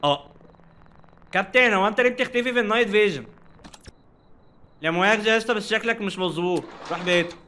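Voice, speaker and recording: A young man with an Egyptian Arabic accent giving jokey, animated commentary while playing a horror game and chatting to its characters. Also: sits high, fast, long pauses, slight background noise. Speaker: gaming streamer. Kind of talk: casual let's-play commentary.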